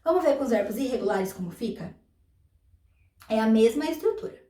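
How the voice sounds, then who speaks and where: A woman teaching English grammar, who reads each example sentence slowly and twice and then explains it. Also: on the high side, animated, dark tone, far from the mic. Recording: roomy sound from off the mic.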